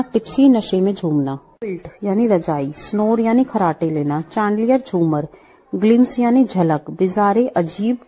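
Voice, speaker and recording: A woman with an Indian accent teaching English vocabulary. She gives each phrase in Hindi, then says the English slowly and clearly. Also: medium pitch, dark tone. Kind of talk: vocabulary lesson.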